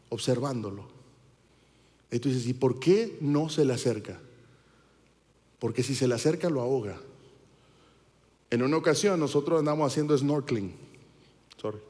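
A man's voice: on the high side, darkish tone. A man preaching a conversational sermon, asking his congregation questions. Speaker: pastor. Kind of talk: sermon with stories and audience questions. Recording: long hall reverb.

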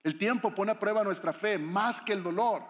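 High-voiced pastor preaching. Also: male voice, normal speed. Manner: conversational, questioning the audience. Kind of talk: sermon. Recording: echoey hall reverb.

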